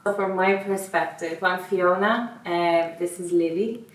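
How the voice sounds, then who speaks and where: A woman's voice: on the low side, unhurried, roomy sound, recorded from a distance, poor audio. A woman from Cork with an Irish accent, hesitantly describing her film project experience in an interview. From Cork, Ireland. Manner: hesitant, with frequent ums. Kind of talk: reflective interview answer.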